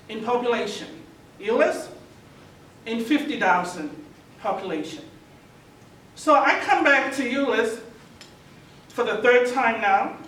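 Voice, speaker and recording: A man's voice: extremely high pitch, fairly bright tone. A man, giving an earnest candidate forum speech full of repeated rhetorical questions. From Tonga. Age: 50s. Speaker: mayoral candidate. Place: large meeting hall. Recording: echoey hall from far off, faint noise.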